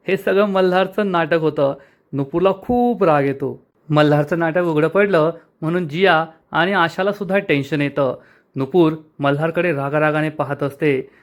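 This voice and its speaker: A man with a high voice narrates a TV serial episode recap. He tells it steadily, scene by scene. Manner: steady storytelling.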